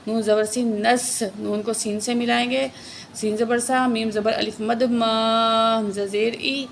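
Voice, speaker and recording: Woman, tajweed teacher, slightly high voice, gravelly fry, slow stretched recitation, quick spelled-out explanations, faint background hiss. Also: little pitch movement. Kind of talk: word-by-word tajweed lesson.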